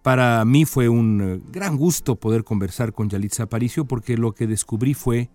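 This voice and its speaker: Mellow-voiced male interviewer. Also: medium pitch, soft background music. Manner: measured, reflective, stumbling on restarts. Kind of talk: interview host questions.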